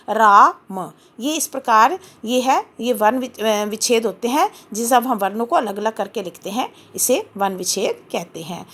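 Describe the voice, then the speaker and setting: Lively high-voiced woman teacher. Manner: explains step by step, asks questions and answers them herself; mixes English words into her explanations. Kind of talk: classroom grammar lesson.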